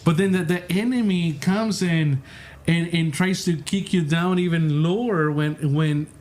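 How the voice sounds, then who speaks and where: Earnest, slightly high-voiced male pastor. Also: unhurried, a little mellow. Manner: earnest, piles up repeated "and" while telling. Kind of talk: casual storytelling in a conversation.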